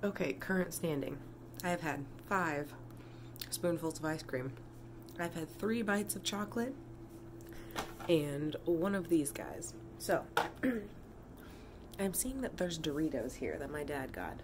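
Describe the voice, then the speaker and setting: Low-voiced woman with a sick, rough voice. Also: animated, takes it slowly, long pauses. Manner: chatty, eager, thinks aloud. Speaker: vlogger. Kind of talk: casual vlog chat. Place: home kitchen. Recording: noisy home recording.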